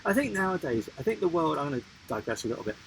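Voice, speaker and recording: A man's voice: fairly high pitch, very animated, very fast, creaky, a bit bright, a little hiss or hum, poor audio. A man co-hosting a live stream Q&A about sailing, joking and rambling as he answers viewers' questions. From England. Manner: jokey, rambling, self-interrupting. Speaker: sailing vlog co-host.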